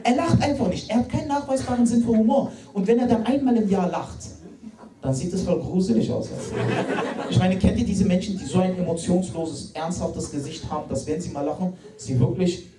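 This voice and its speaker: A man's voice: high voice, fairly quick. A man in his late twenties doing stand-up comedy on stage, chatty and talking straight to the crowd. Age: late 20s. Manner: chatty, many fillers and restarts, addresses the crowd. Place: stage in a hall. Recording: echoey hall, mic far off, crowd laughing.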